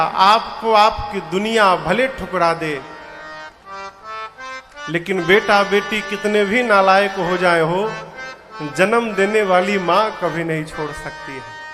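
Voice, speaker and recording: A man's voice: sits high, bright, forceful tone, big-room sound. A man telling a devotional story as a sermon, with light humor and short sung verses. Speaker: kathavachak preacher. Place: large pavilion tent.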